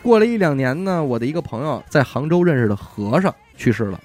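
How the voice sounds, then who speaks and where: Over soft music, this male podcast host speaks briskly in a slightly high voice. His casual, lively retelling of a story is peppered with laughs and frequent small "ai" interjections.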